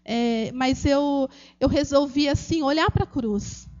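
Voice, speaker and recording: Speaking slowly in a high-pitched, slightly mellow voice, a Brazilian woman with a Brazilian Portuguese accent delivers an emotional testimony at a church gathering. She is earnest, speaks directly to the audience, calls them "gente," and restarts frequently. The audio is dull.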